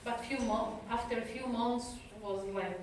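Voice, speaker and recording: A European psychotherapist gives a personal talk to an audience in a talk room at an institute, telling her own story. Her voice is a little high, and she speaks slowly and haltingly, searching for words in a second language. The distant mic picks up heavy room echo and a faint hiss.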